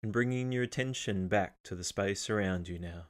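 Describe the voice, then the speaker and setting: A man with a fairly low pitch serves as guide, narrating a guided meditation. His speech is calm, measured, and instructional, with pauses throughout.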